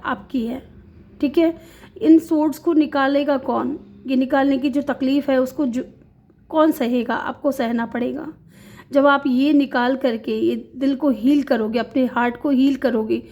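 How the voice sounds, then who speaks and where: A woman's voice: high-pitched, darkish tone, dull audio. A woman reading tarot cards for her viewers, talking in a reassuring way and checking in with them often as she goes. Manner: reassuring, repeats short check-ins to the viewer; mixes English words into Hindi speech. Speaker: tarot reader.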